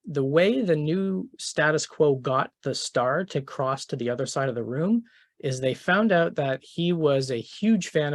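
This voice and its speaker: A middle-aged man speaks at a conference keynote in a mid-range voice, relaxed and chatty. He fills pauses with "um" and "uh" and often restarts his sentences. The sound is dry, with almost no room echo. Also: medium pitch. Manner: casual and conversational, with many fillers and restarts. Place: conference venue.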